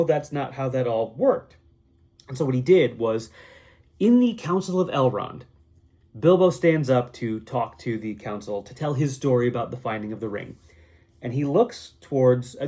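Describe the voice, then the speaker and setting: Husky man explaining casually. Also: mid-range voice. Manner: chatty, animated, acts out quoted characters. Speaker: podcast host.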